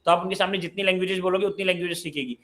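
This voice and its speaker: A man's voice: high voice, fairly even intonation, rapid-fire, bright, forceful tone. Young man hosting an online parenting Q&A. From Uttar Pradesh, India. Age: 20s. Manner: reads out and answers audience questions conversationally. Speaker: parenting session host. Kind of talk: live online Q&A session.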